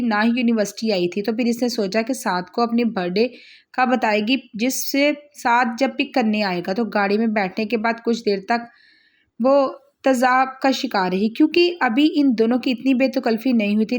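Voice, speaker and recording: A woman reading a romance novel aloud as a storyteller, in steady narration. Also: fairly high pitch.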